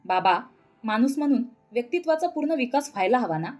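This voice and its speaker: A woman's voice: a little high, animated, brisk, darkish tone, faint music behind, lightly acted. A woman doing a breezy college daughter. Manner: casual, mixes in English words. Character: young college daughter, breezy, cool, peacemaking.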